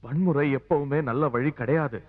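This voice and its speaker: Guy playing raspy village leader, earnest, tinny phone-like audio. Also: on the high side, normal speed, lightly acted. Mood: rallying. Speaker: village leader campaigning for an election.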